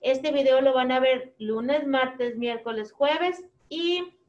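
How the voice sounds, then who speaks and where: Teacher, woman, high bright pitch, patient repeating delivery for small kids, dull lo-fi sound. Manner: slow, clear, repeating words for young children. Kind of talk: children's phonics lesson video.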